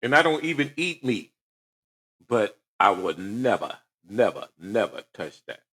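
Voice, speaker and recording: A man's voice: lowish voice, very animated, measured pace, a bit bright. A man hosting reaction commentary on a news clip, talking in a preachy way and firing rhetorical questions. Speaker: commentary host.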